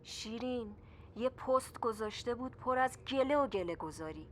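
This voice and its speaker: A woman's voice: on the high side, lively intonation, a little hiss or hum, lightly acted. An actress playing a gossiping female friend on the phone in a film drama. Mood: gossipy.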